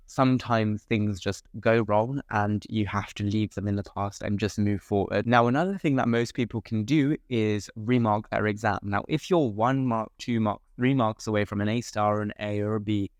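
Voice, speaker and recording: A man's voice: lowish voice, no echo, clean studio sound. A young adult British man giving casual advice as a vlogger, informal, emphatic and reassuring. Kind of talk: casual advice talk to camera.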